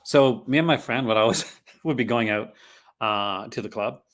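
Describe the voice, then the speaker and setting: Speaking at normal speed in a lowish, fairly bright voice, this Canadian man hosts a podcast and chats casually. His mixed Canadian accent is partly from Newfoundland, and he rambles through sentences he keeps restarting.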